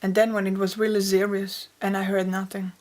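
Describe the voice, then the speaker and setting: Soft-spoken woman, flat delivery. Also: mid-range voice, fairly quick. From Austria. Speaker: poet and author. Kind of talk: personal interview storytelling.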